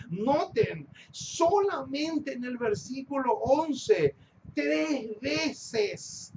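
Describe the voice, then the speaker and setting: A man preaching a sermon, stressing key phrases by repeating them and speaking warmly to his congregation as his beloved. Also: sits high. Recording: dull lo-fi recording with faint noise.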